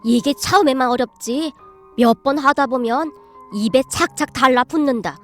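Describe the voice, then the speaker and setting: A woman voicing a stern old grandmother-in-law who drills her family in scolding, with slow, drawn-out commands. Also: high voice, a bit bright, soft background music. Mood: commanding.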